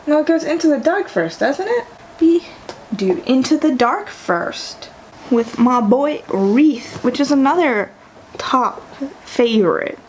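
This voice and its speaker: In a casual vlog tier ranking of books, a young woman talks with enthusiasm, filling her speech with fillers and frequent self-corrections. Her voice is medium in pitch, and the recording is rough, with a little hiss or hum.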